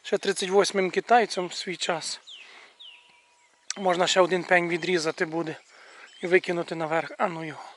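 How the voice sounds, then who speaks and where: A man's voice: high-pitched, flat delivery, brisk, long pauses, a bit bright. A man giving a casual walk-and-talk video tour outdoors in his rural yard, chatting to viewers and pointing things out as he goes. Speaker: video blogger showing his village yard. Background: faint birdsong and outdoor sounds.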